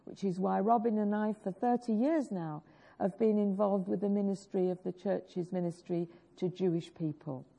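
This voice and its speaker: A woman with a growly, warm voice preaches a sermon and teaches a worship song, earnestly urging the congregation and coaxing them to join in. Her voice sits in the mid-range with vocal fry, holding a steady tone at a moderate pace. The recording is dull and lo-fi.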